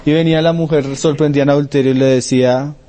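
A man's voice: a little high, fairly even intonation, quick pace, warm tone. A man preaching a sermon in a conversational teaching manner, often stopping to ask his listeners if they follow. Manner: conversational, asks frequent checking questions.

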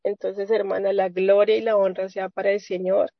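A woman's voice: medium pitch, little pitch movement, normal speed, vocal fry, no echo. Woman, earnest rambling testimony, dry close sound, dull lo-fi video call audio. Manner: earnest, rambling, many restarts. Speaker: church member sharing testimony.

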